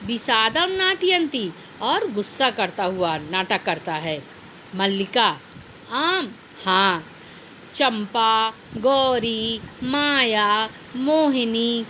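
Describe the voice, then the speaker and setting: A woman's voice: fairly high pitch, sing-song, slow pace, pushed and bright, slight background noise. A woman teacher reading Sanskrit lines aloud and explaining each one to her students in Hindi. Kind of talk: line-by-line explanation of a Sanskrit text.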